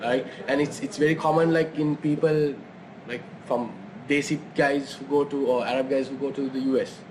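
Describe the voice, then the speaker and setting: A man's voice: medium pitch, fairly even intonation, normal speed, a crowd in the background. A man from Saudi Arabia hosting a casual conversation, rambling with many fillers and restarts. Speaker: host. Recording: noisy background.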